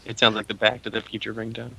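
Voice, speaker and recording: A man's voice: on the low side, monotone, fast talker, creaky, pushed and bright, low-quality recording. A man playing a tabletop game, joking and teasing the others. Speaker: player. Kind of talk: casual tabletop banter.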